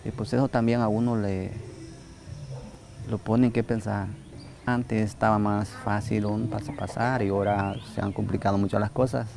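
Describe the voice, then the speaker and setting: Gravelly Salvadoran man, halting speech. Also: fairly low pitch, level tone. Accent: Salvadoran Spanish. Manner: halting, plainspoken, many fillers and restarts. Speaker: migrant worker. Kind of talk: documentary interview testimony. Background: music.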